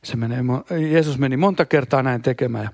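A man's voice: medium pitch, darkish tone, no room sound, clean studio sound. Man reading scripture with hallelujahs. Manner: interjects hallelujahs between verses; occasional stumbles and restarts while reading. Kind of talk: scripture reading with spontaneous comments.

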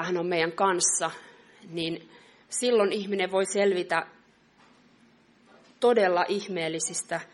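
A middle-aged woman preaching a sermon in an earnest, measured way, reading scripture slowly. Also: fairly low pitch.

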